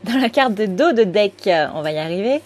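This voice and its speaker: A woman's voice: medium pitch, lively intonation, normal speed, a little mellow. A woman giving a casual, rambling tarot reading, full of fillers and self-corrections. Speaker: tarot card reader.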